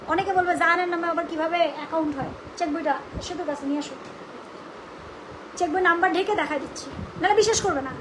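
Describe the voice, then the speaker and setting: A woman speaking unscripted on a livestream in an indignant, confrontational, shrill voice. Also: fast talker, noisy background. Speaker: live-streamer rebutting accusations about own family.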